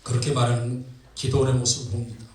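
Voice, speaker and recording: A man's voice: medium pitch, little pitch movement, quick pace, darkish tone. A male pastor giving a sermon, retelling a scripture story in a dramatic, storytelling way. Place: church sanctuary. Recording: echoey hall from far off.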